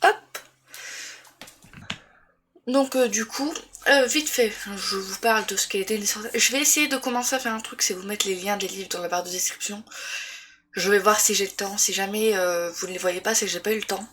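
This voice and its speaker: Speaking at normal speed in a mid-range, slightly bright voice, the booktuber chats about books despite a cold and sore throat that leave her congested. Her casual review vlog rambles with many fillers and restarts, and there's a little hiss or hum.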